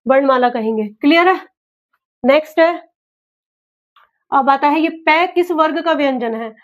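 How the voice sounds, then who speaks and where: A woman's voice: sits high, measured pace, highs cut off. A woman teaching an exam-prep class, asking a question, answering it herself and repeating it back. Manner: repetitive, drilling, asks and answers own questions.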